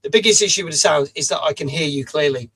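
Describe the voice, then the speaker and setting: Streaming live from a small home studio, this middle-aged host has a rough, raised, slightly high voice with a fairly bright tone. He speaks fast, chats in a loose way, reads viewers' messages aloud and drops casual swear words.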